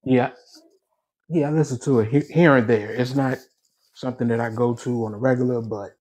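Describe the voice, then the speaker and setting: Relaxed man telling a story. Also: medium pitch, a little fast. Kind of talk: casual storytelling.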